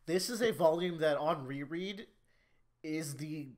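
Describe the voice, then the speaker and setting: A man's voice: a little high, a little slow. A man co-hosting a podcast in casual chat, eagerly steering the discussion along. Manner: enthusiastic, steers the talk. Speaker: podcast co-host.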